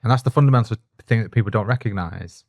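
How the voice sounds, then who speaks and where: Middle-aged man, low voice, quick talker, dry sound, podcast host. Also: gravelly, darkish tone, no echo, lo-fi sound. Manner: quick, joking, with restarts. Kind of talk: casual podcast interview.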